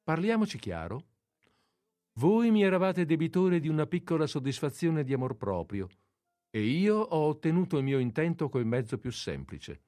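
A male reader doing a sharp-tongued society lady in a storybook reading, high and sing-song, swooping all over with teasing mockery. dry close sound, no room at all. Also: big pitch swings, moderate pace, no echo. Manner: mocking and teasing, raised pitch.

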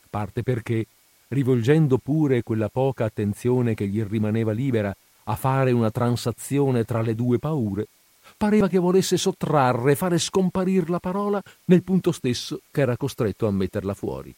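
A man reading a classic novel aloud, narrating in a measured, expressive storytelling manner. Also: mid-range voice, no room sound. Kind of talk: literary read-aloud narration.

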